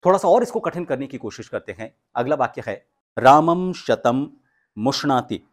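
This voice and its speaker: A man with a mid-range voice teaches clear pronunciation in a calm, explanatory way. He slows right down to read the drill sentences with emphasis. He speaks close to the mic. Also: mid-range voice. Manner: patient, explanatory. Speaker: speech coach. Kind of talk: pronunciation lesson.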